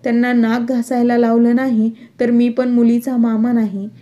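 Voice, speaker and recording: A blunt middle-aged uncle, protective of his niece and combative, as a woman reads him. The voice stays fairly high, level and mellow in a narrated storybook. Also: level tone, normal speed, lightly acted. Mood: indignant.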